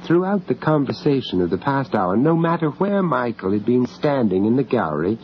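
Speaking at normal speed in a mid-range voice close to everyday talk, a man narrates a radio horror drama in the first person as its lead, an urbane, uneasy foreign gallery owner in London. His expressive voice moves widely; he's measured and intrigued, reflective and a bit hesitant, chuckling in dialogue. The sound is dull with faint noise behind it.

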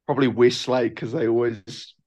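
A man's voice: medium pitch, fairly even intonation, normal speed, darkish tone. A young man with a New Zealand accent, a professional rugby player answering interview questions in a loose, laid-back way. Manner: laid-back, loose, lots of filler phrases.

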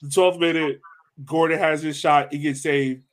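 A podcast host leads a casual sports analysis chat, talking conversationally and putting questions to his co-hosts. His voice is a little high, with fairly even intonation and a normal speed.

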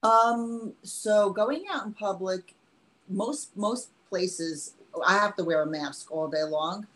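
A woman's voice: mid-range voice, takes it slowly, a bit bright, rough recording. A woman from New York chatting casually as a podcast guest from her home studio. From New York, United States. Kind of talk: casual chat. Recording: faint background noise.

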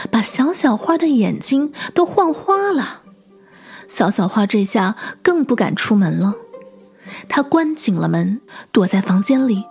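A woman teacher narrating children's stories in a gentle, expressive, sing-song way and speaking directly to young listeners. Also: on the high side. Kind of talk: storytelling for children.

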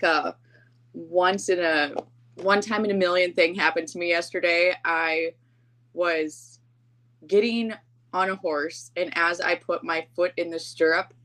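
A woman's voice: fairly low pitch, fairly bright tone. A woman co-hosting a podcast in casual chat, talking in an informal, chatty, self-deprecating way. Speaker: podcast co-host.

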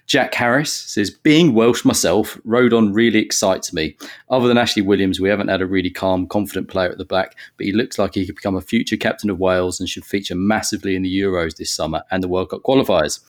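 Bloke hosting a footy pod, lowish voice, laid back, reads out comments. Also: male voice, steady tone, fast. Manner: easygoing, reads out listener comments. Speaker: podcast host. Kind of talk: casual football podcast chat.

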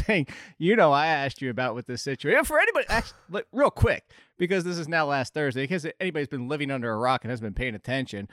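A man's voice: mid-range voice, a bit bright, no echo, clean studio sound. A man hosting a casual sports talk show, walking viewers through an incident with energy.

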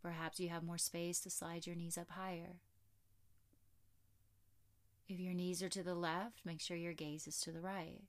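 A woman yoga instructor giving slow, guided instructions for stretching and breathing. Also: lowish voice, little pitch movement.

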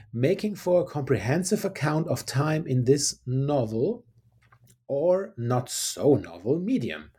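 A man hosts a podcast interview, reading the introduction with a light, playful touch. His pitch moves a lot, and his voice is husky. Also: darkish tone. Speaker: podcast host.

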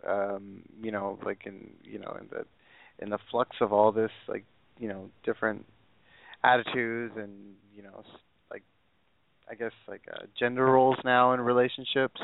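A man's voice: on the low side, little pitch movement, normal speed, creaky, no room sound. A man in his twenties from Southern California, calling in over a phone line. He talks hesitantly and rambles, with many fillers. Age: 20s. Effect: heard over a phone line. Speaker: caller. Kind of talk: call-in advice conversation. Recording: tinny phone line, faint and distant.

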